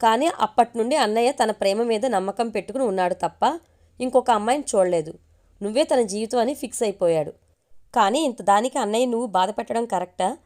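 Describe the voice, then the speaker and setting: A woman's voice: fairly high pitch, brisk, a little mellow, natural voice. A woman voicing a playful, teasing young wife in an audio story. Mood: chiding.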